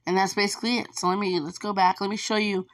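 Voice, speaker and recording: Speaking quickly at a medium pitch with little movement in her voice, a delivery-driver vlogger gives viewers relaxed advice. She's talkative and repetitive, and fillers pop up constantly.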